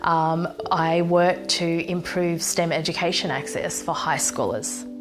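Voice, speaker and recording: A young woman speaks in a lowish voice, stopping often on fillers and restarting her sentences. She gives a sincere personal talk recorded at home, with faint music in the background. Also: steady tone, a little slow. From Fiji. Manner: hesitant, many ums and restarts. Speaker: social impact program manager.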